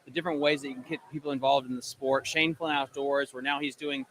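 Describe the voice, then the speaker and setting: A man's voice: mid-range voice, level tone, fast talker, fairly bright tone. A man in his thirties, tired but talkative, chatting casually as a fishing show host on a live stream at an event. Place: booth in a large expo hall. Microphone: close desk podcast microphone.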